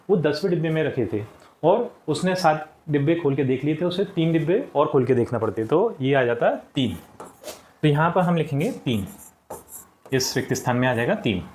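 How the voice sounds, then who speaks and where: Male teacher, slightly higher voice, patient and repetitive, talking young pupils through exercises. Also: darkish tone. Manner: patient, repeats answers and checks with "ठीक". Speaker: school teacher. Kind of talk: explaining a textbook lesson to children.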